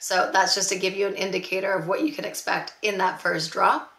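A woman in her thirties presents a news update in a hoarse voice that creaks noticeably, as if it has only just come back. Her pitch is middling, and she addresses viewers informally as a channel host. The room adds a clear echo. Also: steady tone, brisk, a bit bright. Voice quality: hoarse, gravelly. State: hoarse, recovering from voice loss. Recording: roomy, echoing indoor sound.

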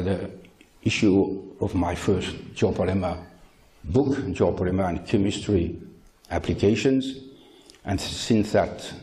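An older man delivers a conference keynote into a handheld mic. His voice sits on the low side and sounds mellow and dark. He speaks in measured phrases, pausing often with a hesitant "uh" and stating plain opinions. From France. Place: lecture hall.

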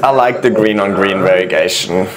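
A man hosting a casual reaction video, chatting warmly and reading viewers' messages aloud as he gushes over their plants. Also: deep voice, normal speed, a loud crowd.

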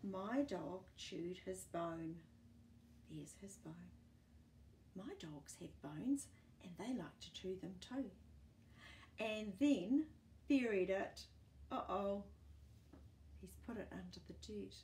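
In a small, book-filled room indoors, a children's storytime host in her sixties reads a picture book aloud to young children. Her New Zealand-accented voice is medium in pitch, animated, and a little mellow; she goes slowly and pauses often. Her reading is expressive, with chatty asides and questions, and a faint hiss or hum can be heard.

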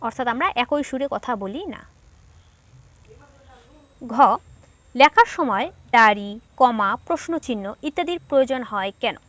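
A woman's voice: fairly high pitch, expressive, normal speed, pauses often, a bit bright, no room sound. A woman from Bangladesh teaching an online school lesson, reading each question aloud and then patiently dictating the answer step by step. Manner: patient, explains step by step to pupils.

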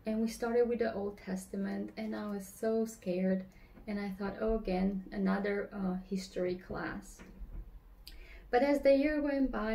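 A woman in her thirties from Romania, telling her personal faith story in an earnest, slightly halting way, seated at a table at home. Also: medium pitch, vocal fry, warm tone, rough recording. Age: 30s. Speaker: church member giving testimony. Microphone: camera across the table.

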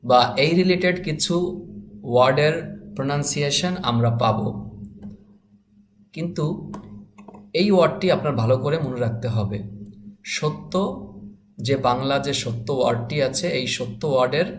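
A man gives a spelling lesson, reading letters one by one in slow drills before explaining each rule. His voice sits at an ordinary pitch, with a faint hiss of background noise under it. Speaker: English spelling teacher.

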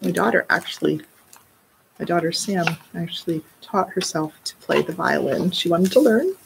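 A woman's voice: on the low side, moderate pace, gravelly, slight background noise. A middle-aged woman, a children's librarian, reading a picture book aloud in a live story time and adding explanatory asides.

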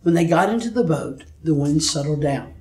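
A pastor delivers his sermon and reads scripture in a measured storytelling manner. His voice sits a little high. The sound echoes around the room, picked up from a distance. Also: animated, a little mellow. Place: church.

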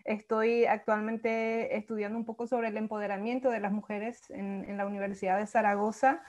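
A woman's voice: medium pitch, flat delivery, moderate pace, darkish tone. Earnest young woman asking questions. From Latin America. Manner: questioning, earnest, asks many rhetorical questions. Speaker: workshop participant. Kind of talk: spontaneous reflective remarks. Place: small room at home. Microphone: earphone mic on a video call.

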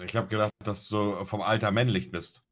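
A man's voice: lowish voice, level tone, normal speed, a bit bright, no room sound. A young man joking casually in a gaming voice chat.

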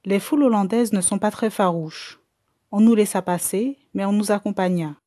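A woman reading a science fiction story aloud as an audiobook narrator, in a measured storytelling manner. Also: mid-range voice, dark tone, no echo, clean studio sound. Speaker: audiobook reader. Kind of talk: scripted narration.

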